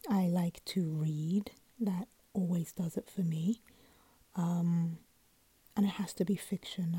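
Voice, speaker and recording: A sleepy woman hosts her podcast in a low, breathy whisper, with a very dark and mellow tone. She chats casually into a close mic in a dry, dead room, trailing off into ums and restarts as she goes. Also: no echo. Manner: speaks mostly in a soft whisper, with many ums and restarts. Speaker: podcast host. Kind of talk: casual solo podcast chat.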